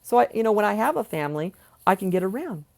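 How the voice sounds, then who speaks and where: An angry young man rants into the camera, swearing freely and veering off on tangents. His voice has a gravelly rasp and swings widely in pitch as he vents. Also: very animated, fast. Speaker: vlogger. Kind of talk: ranting personal vlog.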